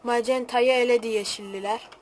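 A teenage girl hosting a gaming channel, giving excitable, hot-tempered gameplay commentary full of trash talk. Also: fairly high pitch, a little fast.

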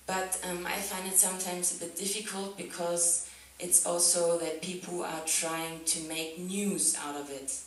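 Speaking in a fairly low, level voice, a bit slowly and with hardly any pauses, a young German woman who isn't a native English speaker talks about her art on a festival stage. Seated on a sofa before an audience with a handheld mic, she's reflective and casual, laughs often, and says "like" and "um" a lot. The hall echoes heavily and she sits far from the camera.

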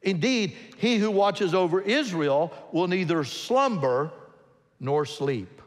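An older man, a pastor, preaching a sermon from a pulpit in a large church, expressive and emphatic. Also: high-pitched, slow pace. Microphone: pulpit microphone. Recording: long church hall reverb.

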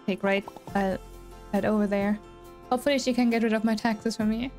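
A woman's voice: mid-range voice, fairly even intonation, fairly quick, a little mellow, faint music behind, lightly acted. Woman reading a grumbling young hermit crab. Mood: put-upon. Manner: grumbling, put-upon. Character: weary young male hermit crab hero. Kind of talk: reading game dialogue aloud.

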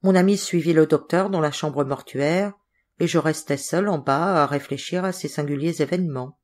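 Low-voiced woman reading an audiobook. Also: moderate pace. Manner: steady, expressive reading. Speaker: audiobook narrator. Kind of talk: scripted literary narration.

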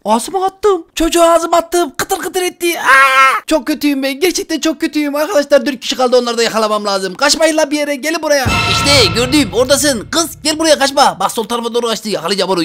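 Excitable high-voiced male gamer. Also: racing, hardly any pauses, faint music behind. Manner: excitable, exclaiming, talks to viewers. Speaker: gaming YouTuber. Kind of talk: let's play commentary.

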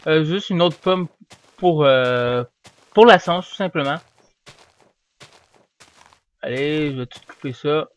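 A young man giving casual, rambling commentary while he plays, getting excited and yelling at the game now and then. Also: a little high, slow, pauses often, no echo. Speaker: gamer. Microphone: desk microphone. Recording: dull, dry home mic.

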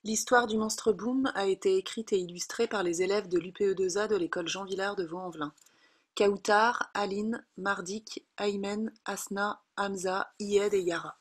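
A woman's voice: mid-range voice, steady tone, moderate pace, husky. A woman reading out a scripted title and credits as an announcer.

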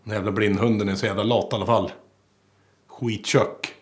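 A man's voice: fairly low pitch, steady tone, background noise, close to an everyday voice. A man playing a crude small-town wannabe rocker. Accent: Swedish, small-town. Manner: rambling, crude, boastful, swears constantly. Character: crude small-town male wannabe rock singer, boastful and petty. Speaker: comedic character, aspiring songwriter. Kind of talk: mockumentary comedy monologue to camera.

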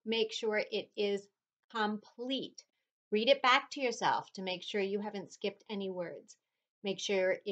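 A woman's voice: mid-range voice, a bit bright, highs cut off. Patient, encouraging woman teacher. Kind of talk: reading a storybook aloud and giving instructions.

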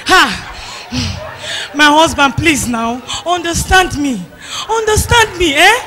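An actress playing an exasperated wife who pleads and insists in a stage drama. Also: female voice, sits high, animated, slow, bright, forceful tone, heavily acted. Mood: pleading. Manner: pleading, insistent, quotes scripture. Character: exasperated wife refusing more children. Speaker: stage actor.

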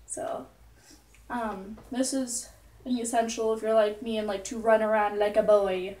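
A woman's voice: fairly high pitch, flat delivery, measured pace, darkish tone, far from the mic. Chatty teen girl in a roomy bedroom. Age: teens. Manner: rambling and giggly, full of asides and "like". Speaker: vlogger. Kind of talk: casual chatty vlog. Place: her bedroom.

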